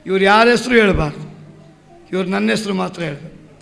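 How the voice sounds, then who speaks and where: A preacher voicing God as a commanding yet tender divine figure, giving solemn decrees. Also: male voice, high-pitched, brisk, creaky, fairly bright tone, soft background music, pitched below the performer's own voice.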